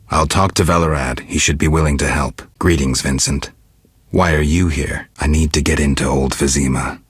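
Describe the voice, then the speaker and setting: In a piece of fantasy video game dialogue acting, a world-weary monster-hunting swordsman delivers short, understated, deadpan lines in a gruff, stoic manner. His very deep voice is gravelly, with a heavy, husky rasp, as a full character voice. The recording is close and dry.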